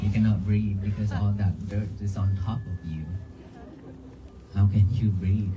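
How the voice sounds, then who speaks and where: A Buddhist monk whose first language is Vietnamese speaks to a crowd in short phrases, often stopping to ask them questions. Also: male voice, fairly low pitch, fairly even intonation, unhurried, lo-fi sound, background noise. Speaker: Buddhist monk giving a talk. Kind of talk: dharma talk to a crowd. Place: outdoors by a church cemetery.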